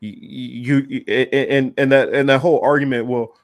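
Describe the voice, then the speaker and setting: A man's voice: mid-range voice, steady tone, fairly quick, no echo. Fired-up man talking politics, dry mic. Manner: rambling with many fillers and restarts; heated, emphatic. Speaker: podcast co-host. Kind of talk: casual political discussion.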